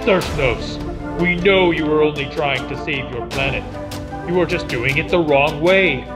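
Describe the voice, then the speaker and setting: A man playing a principled veteran superhero in a cartoon, with a measured, earnest manner. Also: a little high, over music. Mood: serious. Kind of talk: scripted animated superhero acting.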